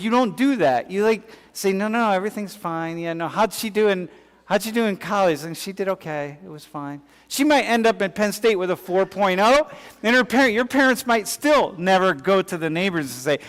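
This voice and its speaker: A man's voice: high-pitched, fairly bright tone. A male professor lecturing a class in a casual, conversational way, full of fillers and restarts. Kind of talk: classroom lecture with student questions. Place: large lecture hall. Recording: long hall reverb.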